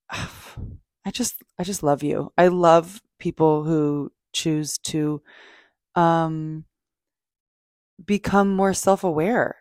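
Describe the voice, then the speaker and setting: Gushing, emphatic woman podcaster, lower-pitched voice. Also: fairly even intonation, very slow, long pauses, darkish tone, dry recording, clean studio sound. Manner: gushing, emphatic, casually sweary. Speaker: podcast host. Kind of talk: casual spoken self-help talk, unscripted.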